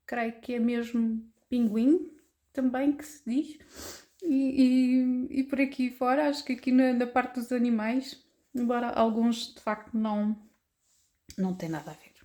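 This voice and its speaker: A woman's voice: on the high side, warm tone. A woman in her forties with a European Portuguese accent, chatting casually to camera and laughing now and then. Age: 40s. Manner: chatty, laughs often, restarts. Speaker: vlogger.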